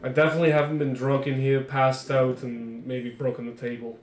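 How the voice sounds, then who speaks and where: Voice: medium pitch, flat delivery, fairly quick. A player in a tabletop game making dry, wry jokes. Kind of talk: tabletop role-play chat. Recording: roomy sound with music behind.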